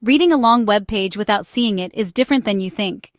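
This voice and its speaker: A mid-range female voice moves fairly quickly through a scripted explainer, delivered in short, instructional phrases without any room sound. The speaker narrates as a small business owner explaining accessibility.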